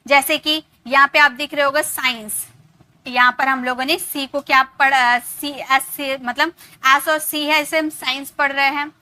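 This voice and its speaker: A woman's voice: sits high, fairly even intonation, measured pace, bright, forceful tone, dry recording. A woman with an Indian accent teaching English reading rules, repeating words and asking questions as she drills them. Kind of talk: spoken classroom lesson.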